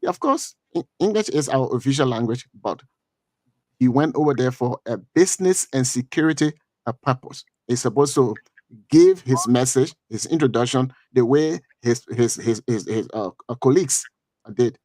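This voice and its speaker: A middle-aged Liberian man with a Liberian accent giving political commentary on a talk show, halting and repeating words with many fillers. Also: medium pitch, expressive, darkish tone, dry recording.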